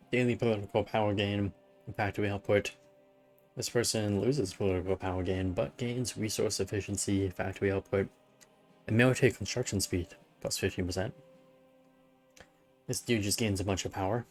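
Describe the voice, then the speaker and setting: A man giving casual live-stream commentary while playing a strategy game, musing and thinking aloud. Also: fairly low pitch. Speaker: gaming streamer.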